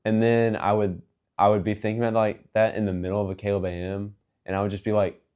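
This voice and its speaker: A young man co-hosting a relaxed chat show. His voice sits a little low, and he rambles loosely with fillers and easy jokes. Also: quick pace, clear, resonant tone. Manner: rambling, joking, lots of fillers. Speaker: podcast co-host. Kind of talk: casual chat.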